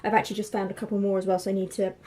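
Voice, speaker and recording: A young woman chats her way through a book review. Her voice is mellow and warm, and she rambles with plenty of fillers and false starts. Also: mid-range voice, flat delivery, very fast. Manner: chatty, rambling with many fillers and restarts. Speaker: book vlogger.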